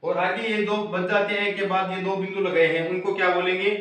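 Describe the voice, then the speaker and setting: A man's voice: sits high, little pitch movement, a little fast, fairly bright tone. A man teaching a classroom grammar lesson, asking questions and repeating the answers back. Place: classroom with students. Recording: very echoey room, voice far from mic.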